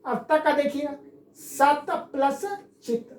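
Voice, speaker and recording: A woman's voice: high voice, steady tone, slow, a little mellow, reverberant, a little hiss or hum, low-quality recording. A woman teaching Sanskrit grammar, explaining step by step and asking and answering her own questions. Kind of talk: classroom lecture.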